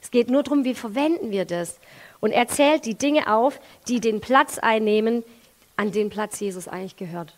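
Lively Swabian woman preaching. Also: on the high side, normal speed. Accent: Swabian German. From Swabia, Germany. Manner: lively, with big swings in loudness and everyday examples. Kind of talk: sermon.

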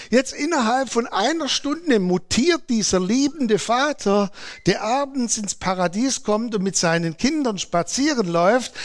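A middle-aged male pastor preaching a sermon in a lively, conversational way, acting out short quotes. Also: extremely high pitch.

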